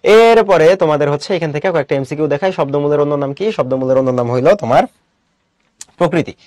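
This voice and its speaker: A man's voice: on the high side, fast talker, a little mellow, no room sound. A young adult man teaching an online class, explaining step by step and asking his students questions.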